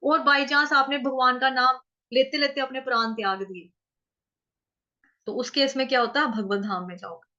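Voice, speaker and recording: A woman teaching how to chant a Sanskrit verse, breaking words into syllables, repeating them slowly and answering her own questions. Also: high voice, fairly even intonation, bright, forceful tone, dull audio. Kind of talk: pronunciation lesson in Hindi.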